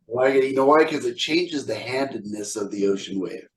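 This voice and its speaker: A man's voice: medium pitch, lively intonation, normal speed, distant mic, rough recording. Blunt joking middle-aged man, a bit off-mic. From California. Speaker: square dance caller, guest. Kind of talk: casual interview chat.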